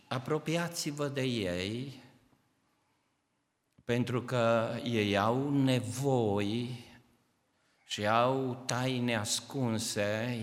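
A man preaching a sermon to a congregation, impassioned, swinging between loud outbursts and hushed, tearful passages. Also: medium pitch. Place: church hall. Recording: reverberant church hall.

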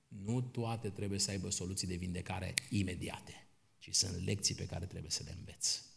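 A middle-aged man preaching a sermon to his congregation, emphatic, swinging between quiet asides and loud exhortation. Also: fairly low pitch, vocal fry.

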